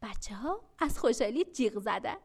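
Lively high-voiced woman storyteller. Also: gravelly, husky. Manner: affectionate, energetic address to children. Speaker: children's radio storyteller. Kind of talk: children's radio storytelling.

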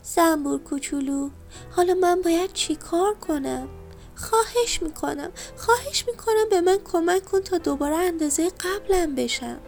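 Woman playing a little rabbit, squeaky, very high, pleading, eager, storybook. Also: lively intonation, darkish tone, soft background music. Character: little rabbit, small, tearful then eager.

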